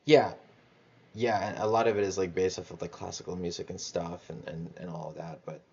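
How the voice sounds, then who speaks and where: A man rambling in a casual monologue about music theory, halting and restarting as he thinks aloud. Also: deep voice, steady tone, gravelly, a little mellow, breathy edge, highs cut off. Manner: musing, halting, many restarts and swearing.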